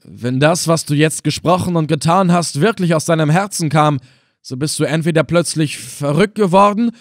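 A bitter, scornful prisoner who snaps and rails at his captor, as a male narrator puts him on. His voice rises higher and louder than the reader's own, forceful and heated. It sounds like a storybook reading in a dry, close room. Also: dry recording, natural voice.

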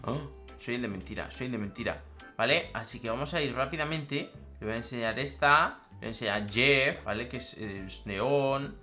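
A young woman giving excitable, chatty gameplay commentary as a gaming YouTuber, repeating phrases and bursting into squeals and laughs. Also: very deep voice, moderate pace, faint music behind.

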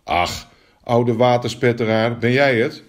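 A man's voice: mid-range voice, measured pace, natural voice. A man voicing a spoiled, fearful young princess in a fairy tale, stammering and whiny. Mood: flustered.

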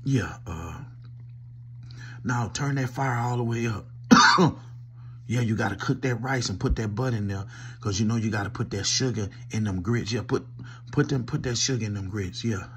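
Sick with a cold, coughing and stuffed up, a middle-aged comedy vlogger in a small room fakes a teasing phone call, talking loosely to someone unseen with the phone close to his mouth. His voice is fairly low and fairly bright, at a moderate pace with long pauses. There's slight background noise.

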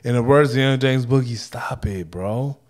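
A man's voice: medium pitch, normal speed. A man in his late thirties co-hosting a podcast, teasing and cursing in casual banter. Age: late 30s. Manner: teasing, profane, lively. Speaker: podcast co-host.

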